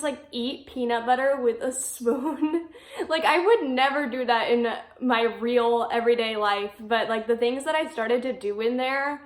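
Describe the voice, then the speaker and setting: A woman in her twenties chatting casually to camera in a vlog, filling her talk with "like" and quick laughs. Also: a little high, echoey room. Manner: chatty, peppered with "like", frequent laughs. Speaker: vlogger. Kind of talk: casual talking-head vlog.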